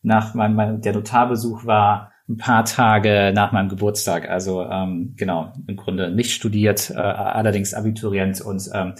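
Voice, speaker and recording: A man's voice: on the low side, flat delivery, moderate pace, few pauses. A man in his thirties, raised in Berlin, talking about his company in a casual interview, with many hesitations and restarts. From born in Ukraine, raised in Berlin. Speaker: company founder, guest.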